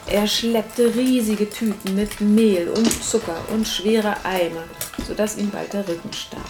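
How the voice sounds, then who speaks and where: A woman reading a children's story aloud to a small child at home, gentle and patient, with Christmas music playing behind. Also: mid-range voice, steady tone, a little slow.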